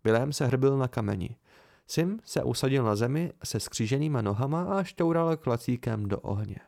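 A man reading fiction aloud for an amateur audiobook, telling it steadily in first person. His mid-pitched voice carries a strong gravelly fry. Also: lively intonation, a little mellow. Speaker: audiobook reader.

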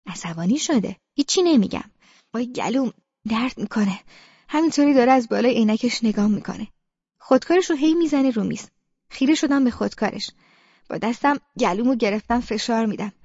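Woman reading a first-person audiobook, high voice, dry kinda dull recording. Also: husky, dry recording. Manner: flat, inward present-tense monologue. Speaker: audiobook narrator.

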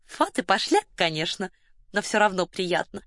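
A woman voicing a cheerful, quick-witted young woman in an audiobook. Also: mid-range voice, very animated, a bit bright, no echo, studio quality. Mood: lively.

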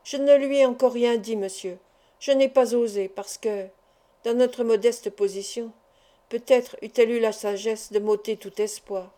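Earnest young suitor, imploring, warm lighter voice, audiobook read by a woman. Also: fairly high pitch, steady tone, normal speed, close to an everyday voice. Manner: emotional, imploring. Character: earnest young man in love, pleading.

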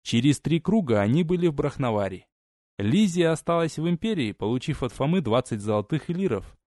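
A man narrating an audiobook in a steady, expressive reading. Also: a little high, brisk, dry recording, studio quality. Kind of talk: scripted narration.

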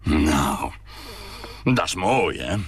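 A man voicing a bitter, jealous middle-aged father with a sarcastic manner that climbs into outraged shouting, in a dramatic story reading. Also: extremely low pitch, very animated, extremely slow, slightly rough, heavily acted.

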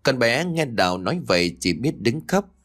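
A man narrating a ghost story in a lively storytelling manner, switching voices for the quarrelling characters. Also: medium pitch, normal speed. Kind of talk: storytelling narration with acted dialogue.

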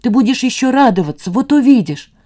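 A tired, gentle mother in an audiobook story pleads with her son, played by a woman. She speaks softly in a slightly raised, warm voice. The delivery is tender and steady. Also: fairly high pitch, fairly quick, pitched above the performer's own voice. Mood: pleading. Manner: soft, pleading.

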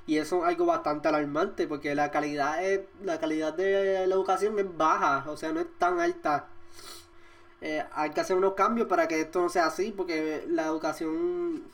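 A man's voice: fairly high pitch, steady tone, normal speed. A young man with a Puerto Rican accent delivers a casual podcast monologue. He rambles, restarts his sentences and swears freely. His talk is full of fillers as he works through his thoughts. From Puerto Rico. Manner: rambling, profane, full of "este" and "o sea" fillers. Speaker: podcast host.

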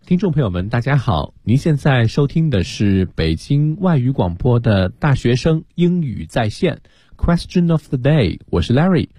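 A man's voice: mid-range voice, sing-song, normal speed, warm tone, husky, dry recording, faint music behind. A man hosting an educational radio program, friendly and chatty, reacting to the teacher and repeating her words. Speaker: radio host.

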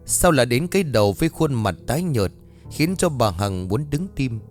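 A man's voice: mid-range voice, big pitch swings, normal speed, faint music behind. A man narrating a horror story in a tense, dramatic style.

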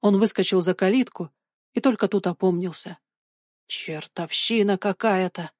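A woman narrating an audiobook of a spooky children's story in a measured, suspenseful way. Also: mid-range voice, dark tone, dry recording, clean studio sound.

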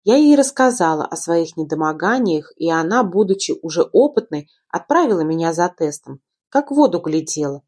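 A woman narrating a romance novel in the first person, in a calm, even storytelling manner. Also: fairly low pitch, moderate pace, hardly any pauses, breathy edge. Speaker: audiobook narrator.

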